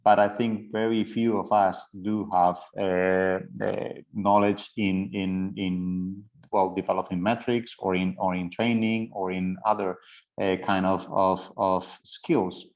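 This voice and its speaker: A man's voice: low-pitched, flat delivery, slow pace, darkish tone. A man with a Spanish accent moderating a panel, hesitant and repeating words often. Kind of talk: panel discussion.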